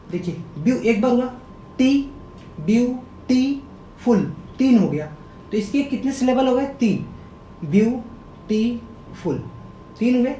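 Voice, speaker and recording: A man with a warm tone gives a grammar lesson, slowly sounding out words and quizzing his audience by repeating key words as questions. His voice carries in an echoey room with a faint rumble.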